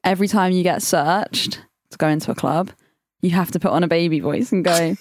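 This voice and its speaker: A woman co-hosting a casual chat podcast, playful, acting out the lines a DJ would shout to a crowd. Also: lowish voice, a little fast, dry recording, clean studio sound. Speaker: podcast co-host.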